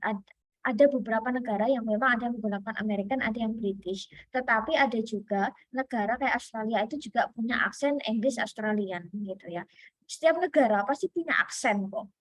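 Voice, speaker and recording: A woman's voice: on the high side, no room sound. A woman lecturer from Indonesia giving a chatty online lesson, full of fillers and restarts.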